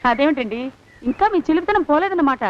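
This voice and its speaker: A woman's voice: sits high, animated, a little fast. An actress playing a clingy woman who insists she is the man's wife from a past life, talking in a coaxing, sweetly insistent way. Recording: dull film soundtrack, clear noise.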